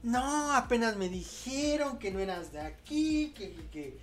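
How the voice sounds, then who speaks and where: A man putting on the voice of a clingy young woman, pleading in a high whiny tone while telling a story. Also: expressive, unhurried, fairly bright tone, heavily acted. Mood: tearful.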